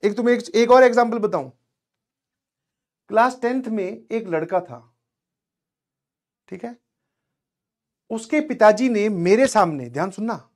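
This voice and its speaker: A man's voice: high voice, darkish tone. A young adult man, a teacher giving a motivational talk to his students in a conversational way, often checking that they have understood.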